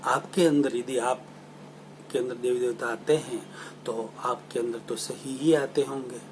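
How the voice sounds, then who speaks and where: A man's voice: medium pitch, a little slow, rough recording. A man giving a religious storytelling talk, earnest and humble, calling his listeners his dear brothers and sisters. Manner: apologetic, humble asides. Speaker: spiritual lecturer. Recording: steady background noise.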